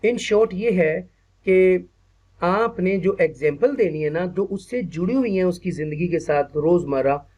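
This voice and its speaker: A man with a Pakistani accent giving an online teacher-training lecture, patiently repeating words slowly and checking in often with his listeners. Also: high voice, a little mellow. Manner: mixes English phrases into speech, asks "ठीक है ना" often.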